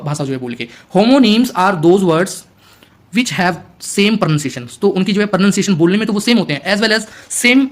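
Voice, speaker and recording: Male tutor with a high voice, exam-prep class, repeats himself, keeps checking students follow. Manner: repetitive, constantly checking in with students; explains in mixed Hindi and English. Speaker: teacher.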